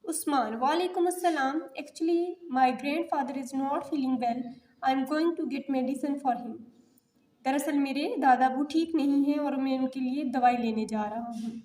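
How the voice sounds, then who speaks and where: A woman teacher explaining a textbook lesson, reading English sentences slowly and explaining them in Hindi. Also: sits high, darkish tone.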